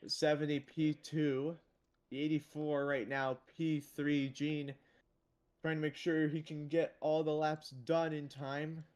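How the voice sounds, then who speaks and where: Higher-voiced young sim racing commentator. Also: male voice, takes it slowly, smooth. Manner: excited play-by-play, curses at wrecks. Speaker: race commentator.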